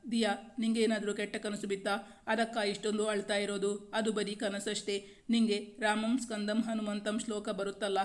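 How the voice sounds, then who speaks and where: A woman voicing a tender young husband who softly soothes his pregnant wife. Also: medium pitch, flat delivery, normal speed, natural voice. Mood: caring. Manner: soft, soothing.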